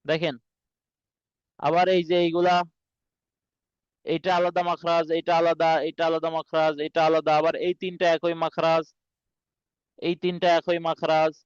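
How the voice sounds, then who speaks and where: High-voiced man drilling sounds. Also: clean tone, dry recording, dull audio. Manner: patient drilling, repeats each sound slowly. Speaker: Quran recitation teacher. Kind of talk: online class teaching pronunciation.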